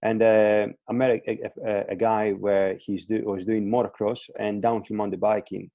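Speaking English as a second language with a Greek accent, a man in his thirties from Crete appears as a strength and conditioning coach on a casual podcast interview. He delivers flatly at a moderate pace in a lowish voice, hesitating with fillers and repeated words. There's no room sound, and the audio is dull.

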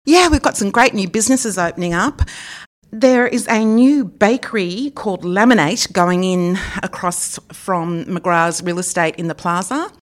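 A woman's voice: mid-range voice, measured pace. A woman, co-hosting a local news podcast in a chatty, upbeat way. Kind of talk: casual chat.

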